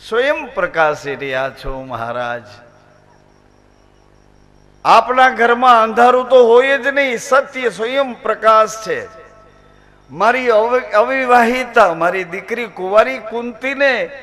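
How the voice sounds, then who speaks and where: A man playing an old, wise guru from a devotional tale who heaps reverent praise on a god before pressing him with questions. His voice sits somewhat high for a man. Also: a bit bright.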